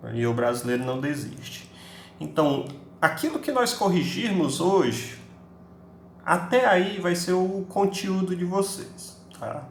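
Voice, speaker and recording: Animated man teaching in an echoey room. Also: a little high, slight background noise. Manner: chatty, peppers speech with tag questions, acts out students' questions. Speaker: English teacher. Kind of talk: recorded class lecture. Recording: echoey room, faint ambience.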